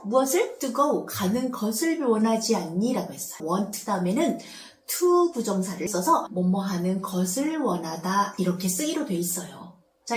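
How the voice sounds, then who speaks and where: A woman teaching English grammar, her voice bright and high, rising and falling with lively emphasis. She reads English phrases slowly, then explains them patiently step by step. The room has a noticeable echo. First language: Korean. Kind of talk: online grammar lesson.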